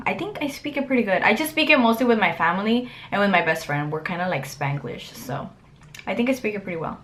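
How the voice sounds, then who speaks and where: Sitting indoors in her bedroom, a young Mexican vlogger who grew up speaking Spanish does a casual Q&A close to the camera. Her mid-range voice has a fairly bright tone, and she fills her answers to get-to-know-me questions with plenty of "like."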